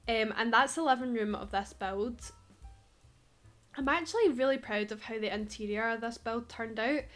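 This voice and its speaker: Scottish woman, casual gameplay chatter, fairly high-pitched, laughs a lot. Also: fairly bright tone. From Scotland. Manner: chatty, rambling, laughs often. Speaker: Sims YouTuber.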